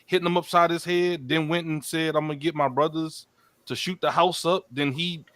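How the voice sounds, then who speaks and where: A laid-back man co-hosts a live-stream podcast, greeting the viewers in the chat. His voice sits slightly high. The sound is dry and close. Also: steady tone, normal speed, fairly bright tone, no room sound. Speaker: podcast co-host reading out chat.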